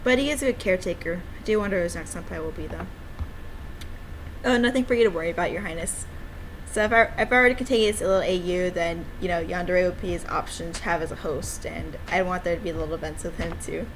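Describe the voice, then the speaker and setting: The audio is poor, with a little hiss or hum, as a fast-talking woman with a fairly low voice streams her own game. She rambles enthusiastically and giggles, reading out game dialogue between bits of casual chat.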